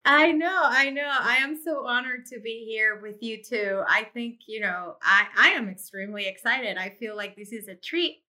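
Her voice sits on the high side with a sharp edge, running at normal speed with few pauses. This middle-aged insurance agency owner from Puerto Rico is an interview guest, effusively and expressively recounting her personal career path in casual conversation.

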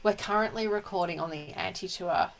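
A woman co-hosting a fan podcast, talking in a bubbly, gushing way. Her chat is loose and excited, full of enthusiastic asides. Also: lowish voice, a little fast, creaky, a little hiss or hum. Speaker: podcast co-host. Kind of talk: casual chat.

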